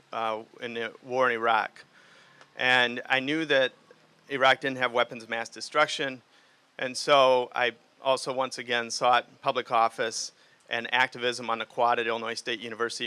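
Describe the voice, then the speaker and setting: A middle-aged man gives an earnest campaign speech outdoors, talking off the cuff with plenty of fillers. His voice is bright and clear, and the recording is dry with little room sound. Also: mid-range voice, no echo. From Liberia. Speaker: mayoral candidate. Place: outdoors in the rain.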